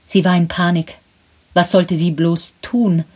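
A woman narrating a story in measured scripted storytelling with a husky voice. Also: on the low side, level tone, darkish tone.

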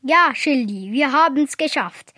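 A woman voicing a sensible young friend in a children's audio story, calm and reassuring. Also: sits high, a little slow, no room sound, clean studio sound, exaggerated voice.

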